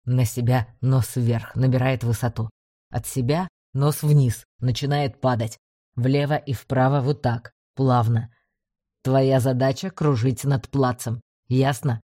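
A woman reading an audiobook, voicing a gruff male commander who barks curt orders in a lowered, louder voice. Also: fairly even intonation, measured pace, no room sound, studio quality. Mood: tense instructing.

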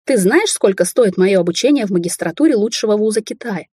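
A woman's voice: medium pitch, expressive, quick pace, warm tone, breathy edge, no echo, clean studio sound. A woman reading the lines of a hot-tempered young Chinese man, a rich heir, in an audiobook. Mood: angry.

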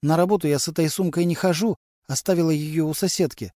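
A man's voice: fairly high pitch, fairly even intonation, mellow, dry recording, studio quality, pitched above the performer's own voice, close to an everyday voice. A man putting on a shaky, anxious wife. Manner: shaky, hurried explaining. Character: anxious tired wife of a suspect, woman.

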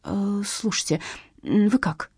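A woman's voice: medium pitch, a little mellow, husky, dry recording, clean studio sound. A woman voicing an indignant, tired heroine who flares up easily. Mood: exasperated. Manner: exasperated, quick to flare up.

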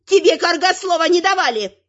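A woman's voice: very high voice, animated, brisk, pitched above the performer's own voice. A woman voicing a small, rude male troll gate guard with a grating voice. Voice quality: nasty grating voice. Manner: rude and shouting. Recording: slightly dull lo-fi sound.

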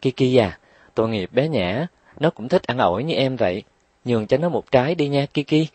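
A man voicing a kind boy who gently coaxes and soothes a younger girl. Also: medium pitch, animated, normal speed, dry recording, pitched above the performer's own voice, natural voice. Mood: coaxing. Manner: coaxing, gentle pleading. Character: kind older boy soothing little girls.

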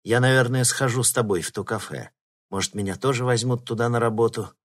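A man's voice: medium pitch, a little fast, voice pushed up, natural voice. A man voicing a shrieking panicked teen boy. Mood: casual. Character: excitable teenage boy, easily panicked. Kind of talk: audiobook reading.

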